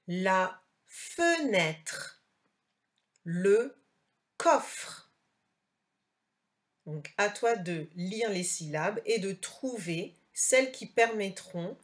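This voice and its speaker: A woman teacher, recording a slow dictation lesson for a child and carefully articulating each word. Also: mid-range voice.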